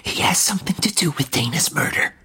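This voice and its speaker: A jittery young detective played by a man who trips over his words and stops and starts. His husky voice jumps up and down in pitch. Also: lively intonation, a little fast, sharp tone, in a whisper, full character voice. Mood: anxious. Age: young adult. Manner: stammering, hesitant. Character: nervous young male junior detective.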